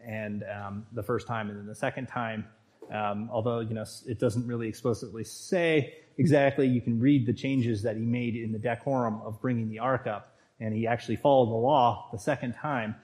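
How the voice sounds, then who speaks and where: Halting, chatty man giving a sermon. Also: mid-range voice, fairly even intonation, a little mellow. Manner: halting, many fillers and restarts; reads scripture aloud at length. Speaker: Bible study leader. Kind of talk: informal sermon.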